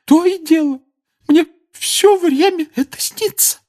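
A male audiobook reader voicing a distraught middle-aged mother who is crying and wailing in a high, breaking voice. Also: unhurried, a little mellow. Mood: tearful. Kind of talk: audiobook character voice.

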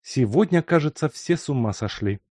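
A man's voice: medium pitch, expressive, fairly quick, mellow, slightly rough, dry recording, clean studio sound, voice pushed up. A man doing a cool, irritated young woman. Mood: annoyed. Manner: displeased, curt.

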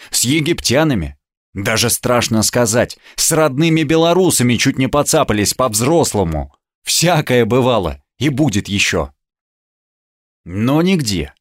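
A man reading a first-person audiobook in a reflective, measured storytelling manner. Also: mid-range voice, no echo, clean studio sound. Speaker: audiobook narrator.

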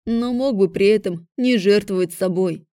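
A woman's voice: medium pitch, moderate pace, dark tone, smooth, dry recording, clean studio sound, lightly acted. Woman doing a weary stern dragon rector. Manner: tired, lecturing.

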